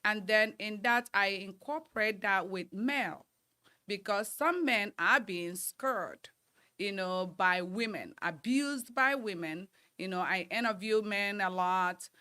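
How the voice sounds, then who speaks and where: A woman's voice: medium pitch, unhurried, sharp tone, clear, resonant tone. A woman, giving earnest, upbeat interview answers as a guest. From Nigeria. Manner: earnest, upbeat, talks in long runs. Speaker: guest, model trainer and banker.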